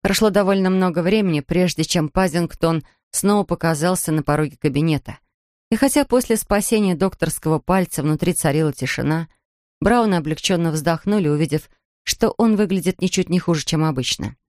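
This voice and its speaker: Woman, storybook narrator, expressive, slightly low voice, dry close recording. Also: a little fast, no room sound. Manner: lively expressive reading. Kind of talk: storybook reading.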